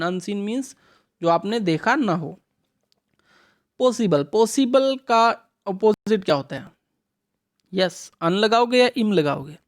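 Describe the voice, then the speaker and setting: A female teacher with a mid-range voice conducts English revision for school pupils, combining Hindi and English words. She slowly reads out English sentences and responds to her own questions.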